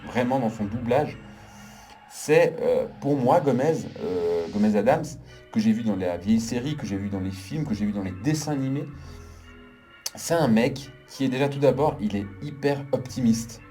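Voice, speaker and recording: Guy doing a casual movie review vlog, super emphatic and opinionated, darkish mellow voice, faint music under it. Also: mid-range voice, lively intonation, moderate pace. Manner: emphatic, opinionated, heavy use of intensifiers. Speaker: film critic. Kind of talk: casual video film review.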